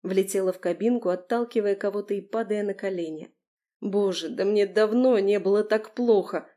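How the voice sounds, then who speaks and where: A woman narrating a first-person novel in an expressive, lively way. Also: medium pitch, normal speed. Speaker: audiobook narrator.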